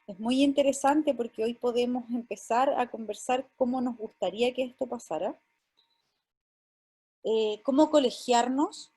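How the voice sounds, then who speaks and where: Higher-voiced Chilean moderator, halting. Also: female voice, dark tone, husky. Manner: hesitant, many fillers and restarts. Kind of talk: presenting to an online panel.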